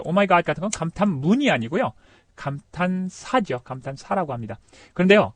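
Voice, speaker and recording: Lively Korean-speaking grammar teacher man. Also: fairly high pitch, no room sound. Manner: lively, chatty, laughs at rote memorizing. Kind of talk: online grammar lesson.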